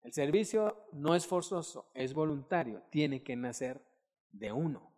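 A middle-aged man preaching a sermon, animated, acting out quotes and breaking into loud shouted bursts. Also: a little high, unhurried. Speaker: pastor. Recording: long hall reverb.

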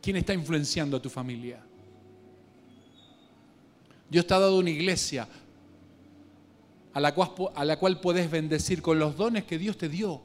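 This sermon comes from a man with a Guatemalan Spanish accent and a somewhat high voice, who livens his storytelling with regional slang and jokes. At times he reads quietly and slowly; at others he surges into quicker, louder passages.

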